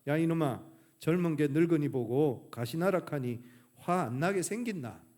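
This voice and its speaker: A pastor voicing a feisty old grandmother who speaks a Gyeongsang dialect and scolds loudly. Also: a little high, expressive, moderate pace, lightly acted. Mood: indignant. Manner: indignant, scolding.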